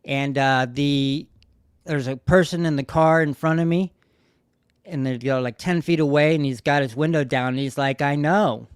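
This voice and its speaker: A man's voice: medium pitch, steady tone, normal speed, smooth, no room sound, clean studio sound. A man hosting a livestream, telling a long story in a rambling way with many fillers and restarts. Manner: rambling, many fillers and restarts, grows loud when reliving the shouting. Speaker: livestream host. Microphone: streaming studio mic.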